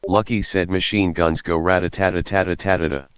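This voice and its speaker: A deep male-sounding robotic text-to-speech voice reading out chat messages in a stiff, mechanical way, with odd pronunciations. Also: fairly even intonation, brisk, a bit bright, clean tone, no echo, muffled recording. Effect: deep booming robotic text-to-speech voice. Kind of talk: flat machine read-out of chat lines.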